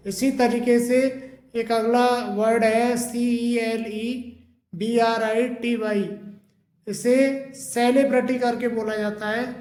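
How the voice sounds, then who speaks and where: Slow, echoey teacher. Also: male voice, very high-pitched, level tone, darkish tone. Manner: slow, spells words letter by letter, repeats answers; frequent hesitation fillers. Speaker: spoken English teacher. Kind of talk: pronunciation lesson. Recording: echoey room.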